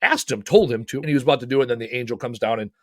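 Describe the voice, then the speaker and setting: A man's voice: mid-range voice, racing, no room sound, studio quality. Blunt, profane man telling stories. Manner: blunt, profane, animated storytelling. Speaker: podcast host and author. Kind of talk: casual motivational talk.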